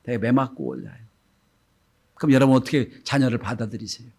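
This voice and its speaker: A middle-aged man preaching a Sunday sermon as pastor, often dropping into gentle quoted speech and then rising loud again. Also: medium pitch, a little fast, gravelly, breathy edge. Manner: acts out gentle quoted speech, swings between soft and loud.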